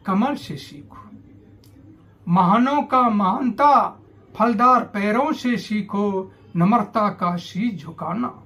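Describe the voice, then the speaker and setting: A man reciting his own poems, measured and deliberate, repeating lines for emphasis. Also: extremely high pitch, sharp tone. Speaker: poet. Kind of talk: slow poetry recitation.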